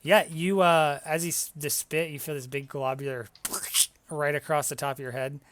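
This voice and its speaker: A man's voice: a little high, fairly even intonation, moderate pace, a bit bright, dry recording. A man narrating as dungeon master, casual and laughing, with some swearing. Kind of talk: narrating a tabletop game.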